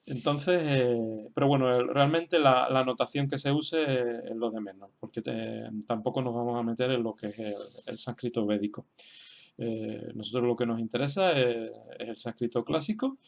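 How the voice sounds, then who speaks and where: A man's voice: medium pitch, normal speed, gravelly. A man from explaining a language lesson in an unscripted way, hesitant, with many fillers and restarts. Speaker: teacher.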